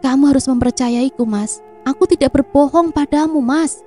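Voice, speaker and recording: A terrified young wife, as a woman narrator puts her on, pleading and tearful, her voice pushed up high with a dark, mellow tone. She begs her husband in a horror audio story while faint music plays underneath. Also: moderate pace, lightly acted.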